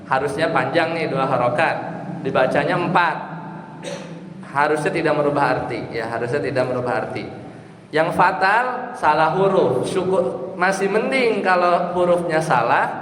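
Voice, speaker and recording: A man's voice: on the high side, normal speed, fairly bright tone, slight background noise. A male religious teacher giving a study lecture, explaining patiently and chanting verses as examples. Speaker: ustadz teaching Islamic law. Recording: echoey hall, long reverb.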